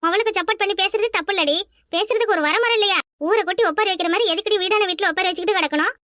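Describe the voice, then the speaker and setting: A woman's voice: very high-pitched, racing, fairly bright tone, no room sound, clean studio sound. A woman voicing a nagging, defensive older village mother-in-law in a cartoon, speaking with a Kanyakumari Tamil accent. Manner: nagging, defensive, calls others "ஏட்டி". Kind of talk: cartoon voice acting.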